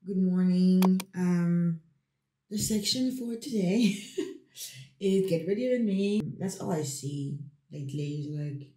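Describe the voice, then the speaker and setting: Young woman rambling on her vlog, lowish voice, lots of ums, roomy echo. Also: slow, dark tone. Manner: chatty, rambling, self-deprecating, many fillers. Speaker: vlogger. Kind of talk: casual vlog chat to camera.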